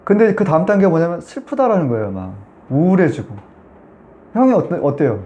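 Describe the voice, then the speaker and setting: A male pastor gives a Sunday sermon as a story, often turning to the congregation with questions. His pitch sits fairly high and moves up and down a great deal. His tone is mellow and warm. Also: fairly quick, dull audio. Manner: animated storytelling, conversational with the congregation.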